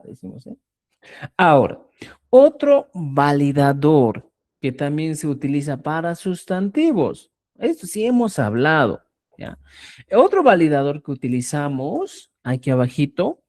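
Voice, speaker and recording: A woman teaching a live online language lesson. She explains patiently, repeats example words slowly and keeps checking in with her students. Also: low voice, warm tone.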